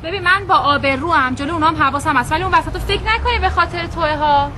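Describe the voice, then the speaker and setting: A bossy, scornful wife who scolds her husband at every turn. Her voice sits high and cutting. Traffic noise hums steadily underneath. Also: a crowd in the background. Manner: sharp-tongued, scolding. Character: sharp-tongued estranged wife, bossy and scornful. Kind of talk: TV series acting.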